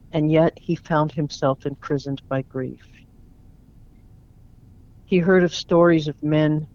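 Man reading a short story aloud. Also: a little high. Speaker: guest author. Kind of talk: spoken word story reading. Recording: dull lo-fi recording.

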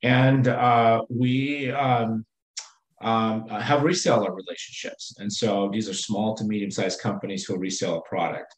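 A man with a fairly low voice talks through his company's work in an interview. He hesitates a lot, with fillers and restarts. The sound carries a noticeable room echo. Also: steady tone. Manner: halting, many fillers and restarts. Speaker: company executive guest. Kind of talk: business interview.

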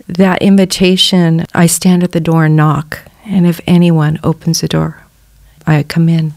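A woman's voice: lowish voice, a little mellow, no echo, studio quality. A middle-aged woman giving an earnest personal testimony as a guest on a church podcast, acting out the voices she quotes.

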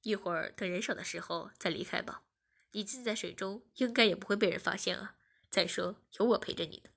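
A woman's voice: mid-range voice, very animated, brisk, fairly bright tone, breathy edge, pitched below the performer's own voice. A woman voicing a young husband who teases and coaxes his wife. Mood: coaxing. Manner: coaxing, teasing. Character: teasing young husband, smug and coaxing.

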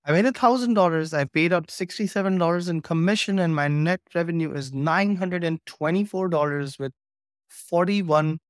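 Man, video call audio, slightly high voice, dry sound, eager step-by-step explainer. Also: normal speed, no room sound. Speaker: guest course creator. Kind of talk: casual interview chat.

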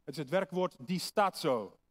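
A high-pitched man delivers a sermon to a congregation. He explains things patiently and poses questions for his listeners to think over. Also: animated, normal speed. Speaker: preacher. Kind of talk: sermon with Bible reading.

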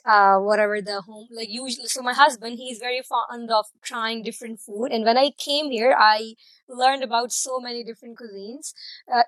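Chatty woman from Karachi, bright voice. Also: fairly high pitch, no room sound, poor audio. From Karachi, Pakistan. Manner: chatty, many "like" and "um" fillers. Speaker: guest, food blogger. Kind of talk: casual interview answers.

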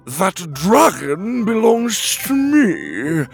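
A man's voice: sits high, big pitch swings, very slow, vocal fry, soft background music, voice pushed up, full character voice. A man doing Bok Bok, a grumpy greedy bird creature. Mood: demanding.

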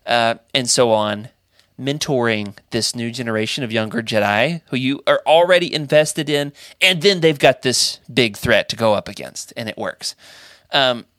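A man's voice: mid-range voice, animated, normal speed, fairly bright tone, no room sound, studio quality. A man hosting a casual fan podcast, talking enthusiastically in a rambling, jokey way. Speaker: podcast host.

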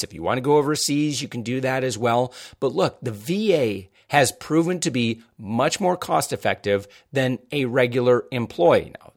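Male podcast host, chatty and upbeat, rambling, mid pitch. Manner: upbeat, rambling, many fillers. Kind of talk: casual podcast chat with promos.

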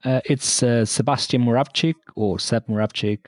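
A man from Argentina, a musician guest on a podcast, speaking softly with many pauses. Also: medium pitch, no echo, studio quality. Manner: soft-spoken, frequent uh fillers. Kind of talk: casual interview.

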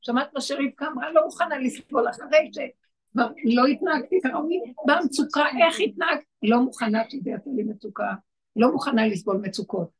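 High, husky woman teaching with fervor. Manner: emphatic, repeating short urgings. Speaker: spiritual teacher leading a women's class. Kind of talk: exhortative religious lesson.

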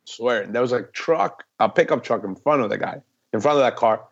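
A man in a loose, casual chat, telling his stories with lively swings and a mid-range voice. He tosses in "man" and curses as he goes, and the recording has a slightly dull, muffled sound. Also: medium pitch, normal speed, creaky, breathy edge. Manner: animated storytelling, says "man" often, swears.

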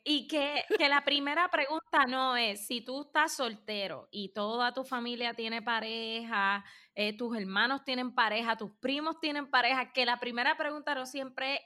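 Opinionated co-host, woman, clear high bright voice. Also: moderate pace, few pauses. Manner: emphatic, opinionated. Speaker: podcast co-host. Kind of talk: casual chat.

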